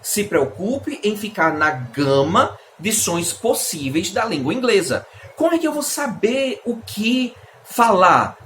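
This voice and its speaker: A man's voice: sits high, very animated, takes it slowly, few pauses, a bit bright, a little hiss or hum. A Brazilian man, an English teacher, explaining in a casual video lesson and answering his own questions. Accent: Brazilian Portuguese.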